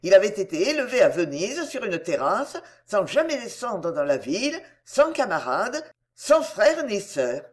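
Woman voicing a male theatre manager, enthusiastic, opinionated, lively pitch. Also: a little slow. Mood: appraising.

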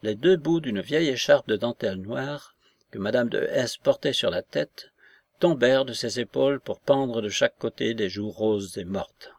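A man reading a novel aloud in an even, measured narration. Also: medium pitch, creaky, dry recording, clean studio sound. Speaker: audiobook narrator. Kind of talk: scripted literary narration.

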